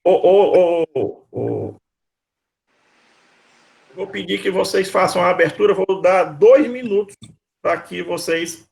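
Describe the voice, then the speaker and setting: Male university lecturer on a video call, high voice with a gritty edge, keeps repeating questions and calling on students. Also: expressive, slow, creaky, pauses often, darkish tone. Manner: didactic, repeats questions, calls on students by name. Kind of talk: online class, quizzing students.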